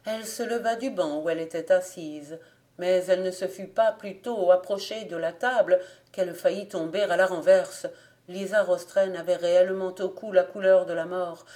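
A woman reads a folk tale aloud as an audiobook narrator. Her voice sits low and her pacing is measured and calm. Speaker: audiobook reader. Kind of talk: scripted narration.

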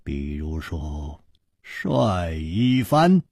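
Man doing a chill swordsman hero, low quiet husky voice, slow, unbothered. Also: no room sound, clean studio sound, full character voice. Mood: calm. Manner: calm, low and quietly understated. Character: cool unflappable male swordsman hero.

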